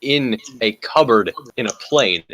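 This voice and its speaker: A man playing a tabletop game with deadpan remarks. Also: mid-range voice, measured pace, a little hiss or hum. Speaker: player. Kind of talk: tabletop game banter over voice chat.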